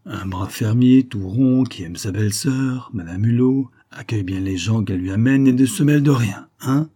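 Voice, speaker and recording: A man's voice: mid-range voice, normal speed, mellow, lightly acted. A man doing a sly old farmer. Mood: knowing, insistent. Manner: knowing, folksy, insistent. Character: sly, shrewd, good-natured old Norman farmer.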